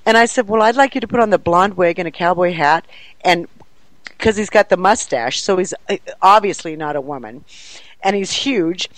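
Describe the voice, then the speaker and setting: Excited woman telling a story, dry sound. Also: on the low side, moderate pace, no room sound, rough recording. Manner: animated, exclamatory, laughs often. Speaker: paranormal event organizer and publicist.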